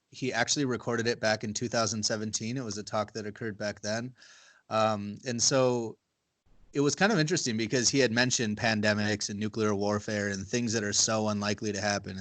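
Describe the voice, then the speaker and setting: A man's voice: fairly low pitch, a bit bright. A man hosting a podcast over a video call, chatting casually, rambling and swearing. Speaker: podcast host. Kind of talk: casual chat.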